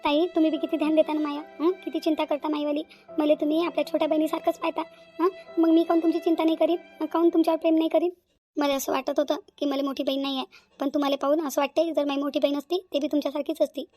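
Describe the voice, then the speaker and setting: A woman's voice: sits high, level tone, fast, mellow, faint music behind, natural voice. Woman voicing an earnest younger sister-in-law. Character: devoted younger sister-in-law, insistent and sweet. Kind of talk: cartoon voice acting.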